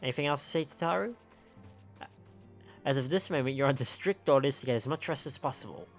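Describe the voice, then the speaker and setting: Talking fast in a slightly bright, middle-pitched voice that sounds androgynous, this streamer reads lines of game dialogue and remarks on them, now and then tripping over the text. A microphone on a stand captures somewhat dull sound, and game music runs beneath.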